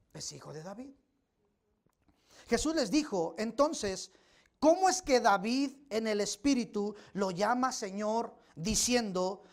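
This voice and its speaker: A preacher teaching a Bible study sermon to a congregation, emphatic and speaking straight to them, repeating key phrases. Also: mid-range voice. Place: church service.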